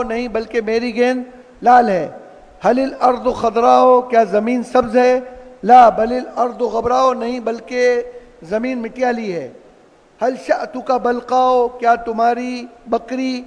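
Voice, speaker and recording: A man's voice: extremely high pitch, big-room sound. A man teaching an Arabic lesson, explaining words and asking and answering his own questions. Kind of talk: classroom lesson.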